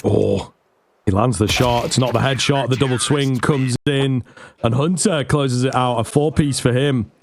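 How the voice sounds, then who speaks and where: A man's voice: medium pitch, unhurried, slight background noise. A man working as an esports caster, giving play-by-play commentary on a live match.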